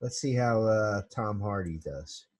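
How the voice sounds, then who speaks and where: A man's voice: lowish voice, expressive, measured pace, no room sound. A man hosting a casual podcast chat about movie trailers, laid-back and full of fillers. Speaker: podcast host.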